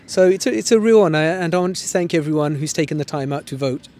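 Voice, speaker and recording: A man's voice: on the high side, quick pace, warm tone. A man in his forties from Bangladesh, raised in East London, speaking with a London accent tinged with Sylheti Bengali in a news interview, hesitant, with many ums, and slipping between English and Sylheti. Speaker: photographer.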